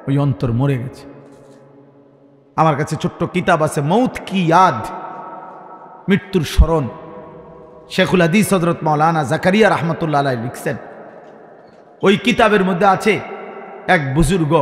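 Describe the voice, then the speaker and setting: A man preaching a Bengali waz sermon with a Bangladeshi accent, chanting in sudden loud swells and hushed drops. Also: on the high side. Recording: echoey hall.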